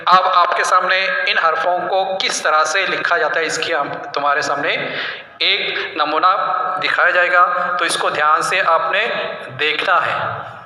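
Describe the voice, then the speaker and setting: A man's voice: a little high, steady tone, measured pace, pushed and bright. A man teaching an Urdu alphabet lesson in a patient way, asking questions and answering them himself. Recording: echoey room.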